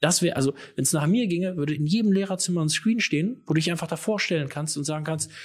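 A man speaking in a casual, colloquial interview, animated and quick, often acting out other people's voices. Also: fairly high pitch. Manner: fast, animated, colloquial, acts out quoted voices.

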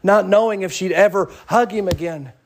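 A man's voice: sits high, normal speed, slight background noise. A male pastor preaching a sermon, telling a story vividly and asking rhetorical questions of the congregation. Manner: vivid storytelling, acts out voices.

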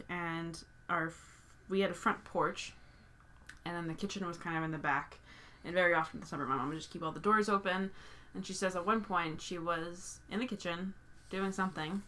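A woman telling an animated story in a casual chat, laughing as she talks. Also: lowish voice.

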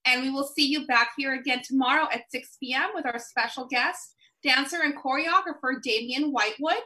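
A woman's voice: high voice, moderate pace, bright, forceful tone, poor audio. A woman hosting a talk show, upbeat as she wraps up and announces the next show. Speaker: host. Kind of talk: show sign-off.

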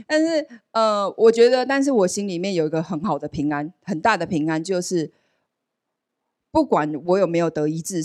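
A woman shares a personal testimony before a congregation, telling her story with animated storytelling. She acts out the voices in her dialogue. Her voice sits on the lower side, recorded dry and close. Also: no echo. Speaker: church member sharing a testimony. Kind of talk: personal testimony at a church service.

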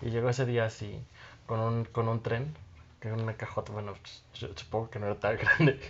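A man's voice: on the low side, a little fast, muffled recording, a little hiss or hum. A man, co-hosting a casual podcast, telling stories with lots of laughter and acted-out quotes. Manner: animated storyteller, laughs often, acts out quotes. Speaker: podcast co-host. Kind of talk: casual chat.

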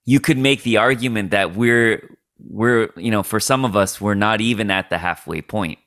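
A man nearing forty talks in a very deep, smooth and resonant voice. He muses thoughtfully on a casual faith podcast, pausing and restarting as he thinks. The sound is dry and close. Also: fairly bright tone, no echo. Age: late 30s. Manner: reflective, thinks aloud with many fillers. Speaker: podcast co-host.

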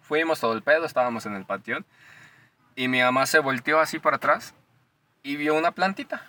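A young man with a Mexican Spanish accent, chatting casually as a podcast co-host, slangy and animated, swearing freely. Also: a little high, brisk, recorded from a distance. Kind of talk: casual storytelling chat.

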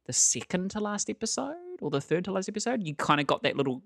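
A young man chatting excitedly about shows, full of fillers and swearing. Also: high-pitched, fast, gravelly, no echo, clean studio sound. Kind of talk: casual chat.

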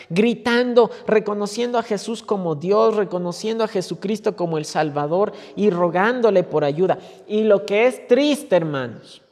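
A man's voice: high voice, darkish tone. A male pastor preaching a sermon, stumbling over repeated words and crying out quoted pleas. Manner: repeats words when stuck, then cries out quoted pleas. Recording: long hall reverb.

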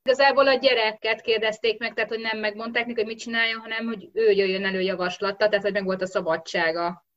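A woman's voice: medium pitch, fairly even intonation, a bit bright. A woman interviewing a guest, who politely chips in with summaries and questions. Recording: dull lo-fi recording.

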